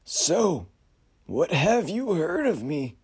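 A man voicing an eerie, formal, troubled otherworldly man in a storybook tale, speaking in stiff, measured phrases. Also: on the high side, sing-song, darkish tone, breathy edge, voice pushed up, heavily acted. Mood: guarded.

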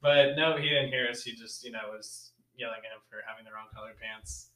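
A man's voice: medium pitch, steady tone, fairly quick, a bit bright. A young man co-hosting a podcast, telling rambling stories with frequent laughs. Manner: rambling storyteller, laughs often. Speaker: podcast co-host. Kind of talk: casual chat. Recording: echoey room.

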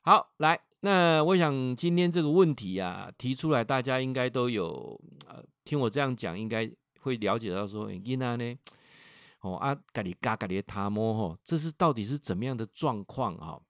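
A man with a Taiwanese Mandarin accent, a professor on a livestream, reading out a viewer's letter with animated storytelling and acting out its voices. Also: mid-range voice, moderate pace, no echo, studio quality.

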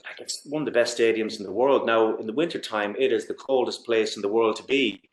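A man's voice: on the low side, brisk. A man from Galway with a west of Ireland accent, talking enthusiastically and casually about sport as a guest, often dropping in "you know". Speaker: interview guest. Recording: roomy, echoey sound.

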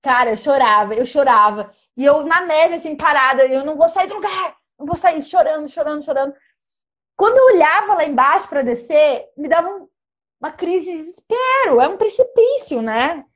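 A young woman telling a dramatic personal travel story in casual, animated chat. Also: sits high, moderate pace. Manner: lively, animated, dramatic retelling with gestures.

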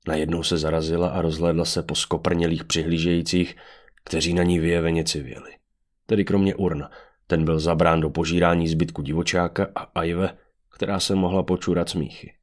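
A man narrating a fantasy audiobook with an even storytelling manner. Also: low voice.

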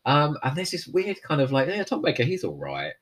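A man in his forties hosting a chatty podcast, his voice husky and roughened. He talks with a lively, rising and falling pitch and cracks jokes as he goes. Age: 40s. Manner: animated, joking, quick asides. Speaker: podcast host. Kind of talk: casual chat.

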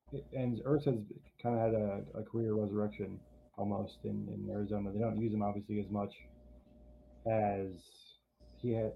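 Gravelly low man on a tinny line. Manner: halting, with many restarts and fillers, teasing. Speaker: co-host. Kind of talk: casual fantasy football chat. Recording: tinny phone-like line with faint noise.

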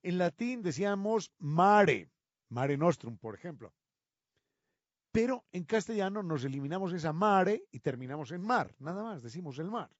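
A fairly high-voiced man explains how words changed, slowing down to stress each example. The recording is dry and a little dull. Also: big pitch swings, darkish tone, no echo. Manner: slow, emphatic on example words. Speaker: radio presenter of a language segment. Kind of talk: explanatory talk on word origins.

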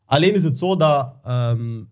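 A man's voice: mid-range voice, expressive, a little slow. Hesitant man in casual chat. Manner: hesitant, repeats words while thinking. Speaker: podcast host.

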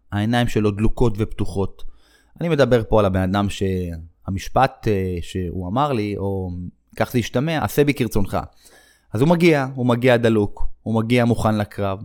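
A man's voice: medium pitch, a little mellow. A middle-aged man, a running coach hosting a podcast, talks in a reflective monologue full of hesitations and repeated phrases. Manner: reflective, repetitive, with frequent hesitations.

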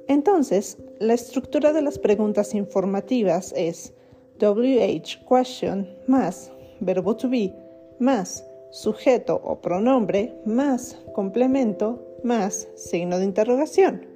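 A woman's voice: medium pitch, warm tone. Patient woman teaching English. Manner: patient, explanatory, repeats phrases. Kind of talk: podcast lesson.

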